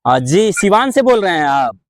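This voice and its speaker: A man with a Bihari accent, a local reporter, questions someone by phone in a casual but confrontational, pushy, goading way. His voice is high-pitched and sing-song at a normal pace, with a little hiss or hum in the background.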